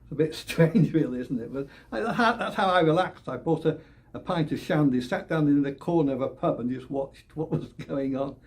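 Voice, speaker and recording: An older northern English man, born in Leeds and raised in Oldham, is an election candidate fielding interview questions. His voice is on the high side, and he answers haltingly, often repeating words and letting out small laughs.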